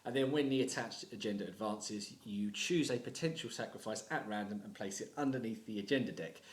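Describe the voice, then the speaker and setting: A man cutting in on his own playthrough to explain a card in a brisk, explanatory way. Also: fairly low pitch, reverberant. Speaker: card game player. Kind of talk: recorded aside explaining a card.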